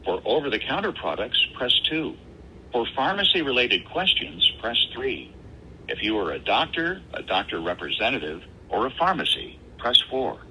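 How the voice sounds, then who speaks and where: A man's voice: medium pitch, big pitch swings, normal speed, bright, forceful tone, a little hiss or hum, low-quality recording. Man's voice on a recorded phone menu message. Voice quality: evenly paced, announcing manner. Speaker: automated pharmacy phone system.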